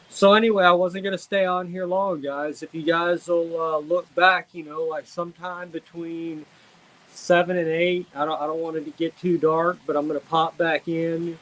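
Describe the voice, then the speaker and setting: A man's voice: fairly high pitch, fairly bright tone, poor audio. A man giving a casual live storm update to viewers in a rambling, hesitant, conversational way. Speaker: livestreamer giving a hurricane update. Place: outdoors outside own house ahead of a storm.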